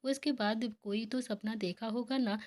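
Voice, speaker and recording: A woman's voice: a little high, fairly even intonation, moderate pace, a little mellow, close to an everyday voice. Woman reading as a stern young husband. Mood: firm. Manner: commanding then tender.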